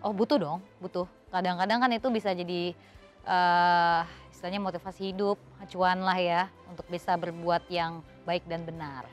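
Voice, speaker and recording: A woman in her twenties with a fairly low voice talks casually, pausing now and then. Faint music runs under her words. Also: steady tone. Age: 20s. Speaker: discussion participant. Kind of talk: casual opinion.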